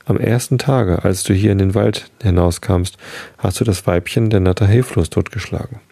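A man's voice: deep voice, normal speed, creaky, dark tone, no echo. A man voicing a spiteful hissing viper. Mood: accusing. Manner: hissing, accusing speech.

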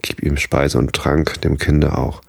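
A man's voice: extremely low pitch, little pitch movement, unhurried, creaky, dry recording, clean studio sound, heavily acted. A man voicing a grave male caravan leader of about thirty in a bedtime story reading, solemn and commanding.

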